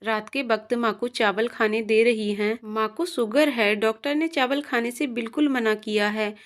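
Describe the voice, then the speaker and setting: A woman voicing a caring grown daughter, calm and firm in her replies. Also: on the high side, moderate pace, natural voice.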